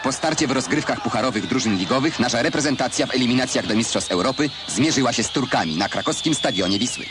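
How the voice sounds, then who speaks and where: A man reading scripted sports commentary for an old film newsreel in a crisp, wry announcer style. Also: medium pitch, lively intonation, fast, hardly any pauses. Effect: old film newsreel soundtrack. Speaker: newsreel narrator. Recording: old film soundtrack with loud background noise.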